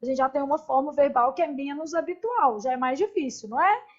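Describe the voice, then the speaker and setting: A woman leads a classroom grammar lesson in a high voice. She stretches out each conjugated form and keeps checking in with the class through quick questions. The recording is dull and lo-fi. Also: expressive. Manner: spells out verb forms slowly, asks the class rhetorical questions. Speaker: Portuguese grammar teacher.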